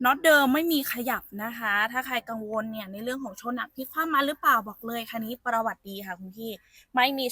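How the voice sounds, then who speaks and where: A young woman giving a chatty, upbeat walkaround sales pitch for a used car. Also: a bit bright, no echo. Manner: chatty and upbeat, calling the viewer "khun phi".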